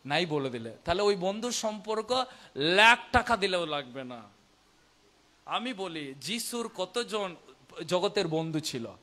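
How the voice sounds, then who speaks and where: The voice is high with big pitch swings, a little slow with long pauses, and pushed and bright. It belongs to a man delivering a sermon in Bengali, not his native tongue but one learned in adulthood, so a foreign accent comes through. He urges listeners on with repeated phrases and rhetorical questions.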